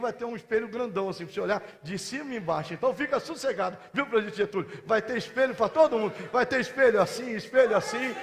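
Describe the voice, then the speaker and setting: A man with a Brazilian Portuguese accent preaching a sermon as pastor, fervent, moving between soft intimate asides and loud shouted passages. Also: sits high. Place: large church hall. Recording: long church hall reverb.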